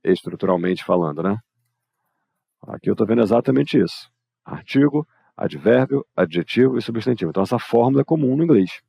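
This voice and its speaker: A man's voice: fairly low pitch, lively intonation, fairly quick, gravelly, breathy edge, no room sound, lo-fi sound. A man with a Brazilian Portuguese accent teaching English grammar in a live online lesson, explaining informally and talking straight to his students.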